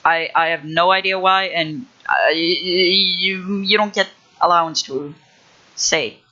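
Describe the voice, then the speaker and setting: A young man thinks aloud on a livestream while building a game level, rambling casually with plenty of fillers and restarts. His high voice is pushed and bright, fairly even in intonation and a little slow, though the audio sounds dull.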